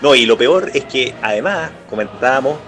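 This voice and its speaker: Un hombre con acento chileno conversa de política en un pódcast, con muchas pausas y frases que se reinician. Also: male voice, medium pitch, expressive, a bit bright, faint music behind. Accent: Chilean Spanish. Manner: rambling, many restarts and fillers. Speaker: political podcast co-host. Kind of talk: casual political chat.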